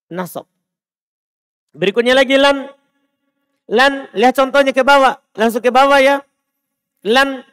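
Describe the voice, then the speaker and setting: A man with a Makassar Indonesian accent teaching Arabic grammar in a mosque, quizzing students and slowly pronouncing Arabic examples. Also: very high-pitched, fairly bright tone, clear, resonant tone. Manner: drills students with repeated questions, slows to spell out Arabic examples. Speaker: Islamic teacher.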